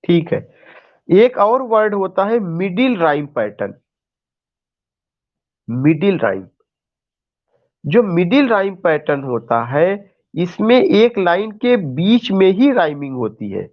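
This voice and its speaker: A man's voice: high voice, sing-song, slow, pauses often, dull audio. A male teacher giving an online class lecture, explaining step by step with rhetorical questions and mixing in English terms.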